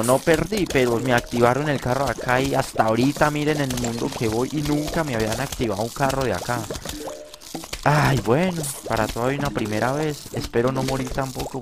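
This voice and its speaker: A man giving excitable let's play commentary, talking to his viewers and yelling at the enemies. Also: mid-range voice. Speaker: gaming commentator. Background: game music.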